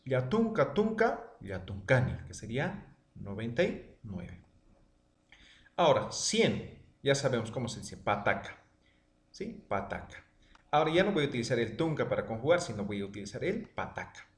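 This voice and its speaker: A man's voice: big pitch swings, moderate pace, roomy sound. A man teaching a language lesson online, drilling words aloud and checking in with his students after almost every line. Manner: drilling words with rising then falling pitch, checking in often.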